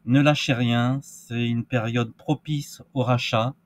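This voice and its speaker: A man's voice: mid-range voice, fairly even intonation, slow pace, dry recording. A man giving casual crypto market commentary, hesitant with many fillers and restarts. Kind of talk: casual screen-share market analysis.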